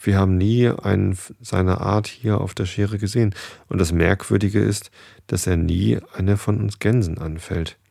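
A fretful goose sister in a storybook frets and confides, as a man reading aloud gives her lines. The voice is deep and gravelly, and there is no real disguise. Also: steady tone, moderate pace, dark tone, no room sound, clean studio sound. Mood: worried. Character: anxious gossiping goose sister.

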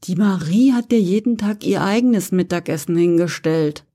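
A woman voicing a gruff young male innkeeper who scolds and mocks. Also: high-pitched, moderate pace, mellow. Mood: teasing. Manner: scolding, mocking.

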